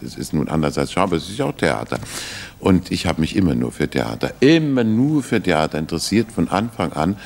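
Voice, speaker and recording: A very low-voiced older man tells his life story at an easy pace. He is thoughtful and anecdotal, and he often restarts a phrase as he remembers. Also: big pitch swings, brisk, creaky, a little mellow. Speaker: interview guest, actor. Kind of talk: relaxed reminiscing interview.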